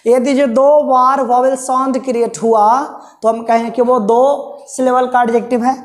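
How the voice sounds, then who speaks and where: High-pitched female teacher, patient classroom explainer, echoey room sound. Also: little pitch movement, normal speed. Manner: patient, repeats points, asks and answers own questions. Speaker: English teacher. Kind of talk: classroom grammar lesson.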